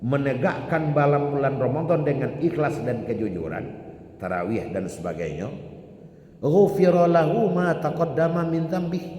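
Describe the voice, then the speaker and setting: A man with a Minangkabau accent preaching an Islamic sermon to a congregation. He questions his listeners directly and swings dramatically between hushed and loud emphasis. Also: medium pitch. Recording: echoey hall reverb, faint background noise.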